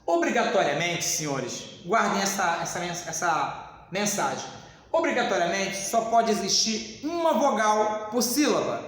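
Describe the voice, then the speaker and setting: A man's voice: high-pitched, expressive, unhurried, fairly bright tone. A man teaching a grammar lesson to a class, speaking emphatically and addressing the students formally. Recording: echoey hall with long reverb.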